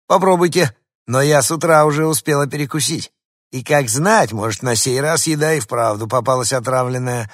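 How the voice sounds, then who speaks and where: A man's voice: mid-range voice, moderate pace, no room sound, studio quality, voice pushed up, lightly acted. A man voicing a smug, sarcastic female rat in a prim, mock-polite way.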